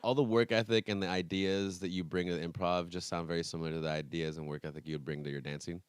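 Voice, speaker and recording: A young man talks fast in a lower voice, rambling through casual podcast chat. He restarts often and acts out quoted asides. The sound is close and dry with no room. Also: steady tone, clear, resonant tone, dry recording. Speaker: podcast co-host.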